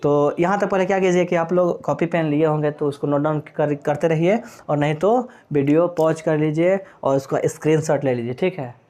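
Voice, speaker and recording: A man's voice: fairly high pitch, normal speed, few pauses, darkish tone. A man teaching English grammar in Hindi, asking questions and answering them himself and spelling words out letter by letter. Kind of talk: classroom-style lecture.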